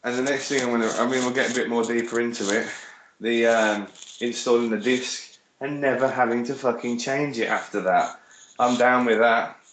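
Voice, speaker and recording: A man's voice: medium pitch, fairly even intonation, moderate pace, a bit bright. A man with a Birmingham accent, co-hosting a podcast in rambling, sweary casual chat. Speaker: podcast co-host. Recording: echoey room with faint noise.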